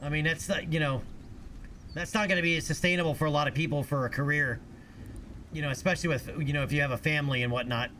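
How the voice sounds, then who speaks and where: A man's voice: fairly high pitch, steady tone, fast talker, bright, forceful tone, slight background noise. A man streaming a game and chatting casually, explaining at length with lots of fillers. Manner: rambling explainer, many fillers. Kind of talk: casual live-stream chat.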